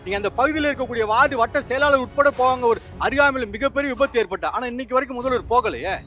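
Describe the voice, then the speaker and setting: A very high, bright male voice argues quickly and indignantly, piling up rhetorical questions. A faint music bed runs under the commentary. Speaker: political commentator. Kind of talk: argumentative commentary.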